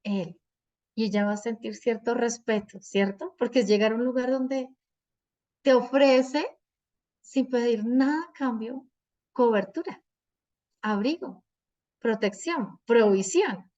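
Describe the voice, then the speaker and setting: Brief: middle-aged woman, parenting teacher, lively storytelling, slightly dull recording. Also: a little high, unhurried, pauses often. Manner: animated, asks "¿cierto?" often. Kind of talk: teaching a parenting class with personal stories.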